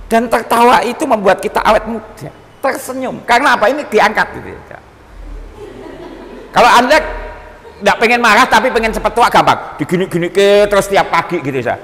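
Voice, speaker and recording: A man pastor preaching a sermon, animated and joking, often calling out to his listeners. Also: sits high, fairly quick. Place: church seminar hall. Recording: long hall reverb.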